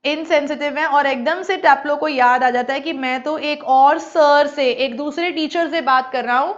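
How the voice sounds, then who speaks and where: Brief: woman English teacher, high voice, unhurried explanations, slightly dull lo-fi sound. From India. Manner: explains lines plainly, mixing two languages. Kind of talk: lesson explanation. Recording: dull lo-fi recording.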